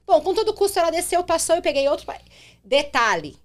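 A young adult woman, a rideshare driver telling a story on a podcast in an animated way. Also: very high-pitched, a little fast. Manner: animated, acts out quotes in her telling.

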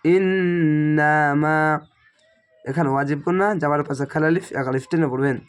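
Higher-voiced man teaching Quran recitation. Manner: spells Arabic syllables slowly and draws out recited words. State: slightly strained throat. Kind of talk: spelling-out Quran recitation lesson.

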